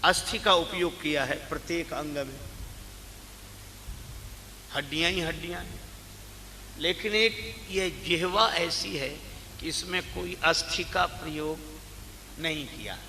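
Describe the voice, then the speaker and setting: Bright-voiced male preacher in a reverberant hall. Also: a little high, measured pace, long pauses. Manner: acts out characters in his stories. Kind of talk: devotional sermon with parables. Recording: reverberant hall with faint background noise.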